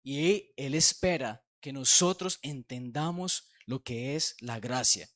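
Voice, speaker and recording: A man's voice: medium pitch, slow pace, fairly bright tone, no echo, clean studio sound. A man with a Colombian Spanish accent preaching a conversational sermon as pastor, sometimes acting out the voices he quotes.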